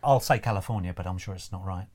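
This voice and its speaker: A man's voice: sits low, fast talker, darkish tone. A man co-hosting a trivia podcast, answering questions with dry, wry humour in casual chat. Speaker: podcast co-host.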